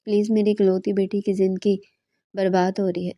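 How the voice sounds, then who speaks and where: A woman's voice: medium pitch, little pitch movement, mellow, no room sound, close to an everyday voice. A woman voicing a harsh, angry middle-aged mother who scolds and accuses her daughter in a dry, close recording. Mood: scolding.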